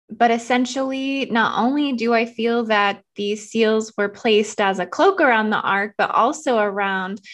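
A woman hosting her own spiritual video channel, talking quickly and excitedly with lots of ums. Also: fairly high pitch. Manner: rapid, excited, many ums. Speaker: channel host. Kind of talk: casual spiritual vlog talk.

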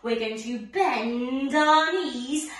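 Very slowly, in a high and slightly bright voice, a young woman teaching ballet to pre-schoolers tells a story and leads a lesson. Her delivery is sing-song, with coaxing questions and exaggerated oohs, like an overbright party host for kids. The camera sits a few metres off in a wooden-floored living room, so there's roomy echo and faint music behind her.

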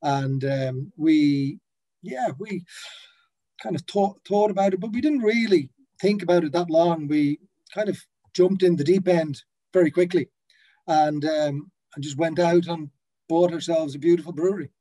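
A Dutch-raised man in his fifties who founded a brewery speaks over a video call from his office, a brand banner hanging behind him. His voice is a little high and warm, at a moderate pace, though the laptop webcam recording sounds rough. He's hesitant, full of fillers and restarts.

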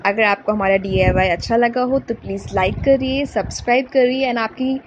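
A woman's voice: on the high side, moderate pace, dull audio, noisy background. A woman hosting a craft channel, giving a patient, step-by-step DIY voice-over and mixing English words into her Hindi.

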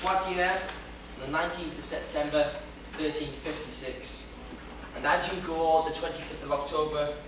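Here a young man from Wales, with a Welsh accent and a voice on the high side, speaks at a moderate pace with fairly even intonation. His history lecture to the audience is theatrical and full of jokes. Old, noisy video from a far camera records the echoey lecture hall and its projection screen.

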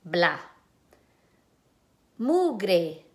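A woman teacher leading a phonemic awareness lesson for young children, sounding out syllables slowly and clearly one phoneme at a time. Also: fairly low pitch, very animated. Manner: slow, clear, drawn-out sound-by-sound pronunciation.

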